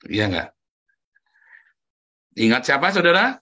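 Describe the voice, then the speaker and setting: A husky man preaches with a lot of life. His pitch keeps jumping upward when he drives a point home. He turns to his listeners again and again with direct questions. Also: slow. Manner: animated, jumps high in pitch for emphasis, keeps calling out "saudara". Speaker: pastor. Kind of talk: lively sermon addressing the congregation.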